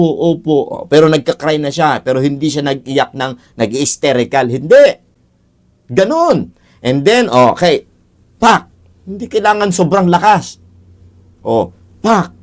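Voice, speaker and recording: A man's voice: fairly high pitch, a little mellow. Earnest man teaching the Bible. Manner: earnest, addresses listeners as brothers and sisters; repeats key phrases for emphasis. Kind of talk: Bible teaching on child discipline. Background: faint music.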